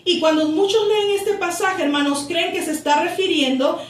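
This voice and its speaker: A woman pastor preaching a sermon, slowly reading scripture aloud and explaining it to her congregation, calling them brothers. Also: very high-pitched. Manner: slow, deliberate reading that stretches key words, with asides to the congregation. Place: church. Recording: echoey church room, voice from a distance.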